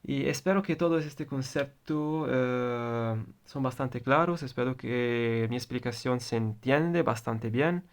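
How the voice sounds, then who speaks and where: A man with an Italian accent, a native speaker of Italian, gives an electronics lesson on video, frequently repeating and rephrasing what he says. His voice is mid-range and his pace slow, with few pauses.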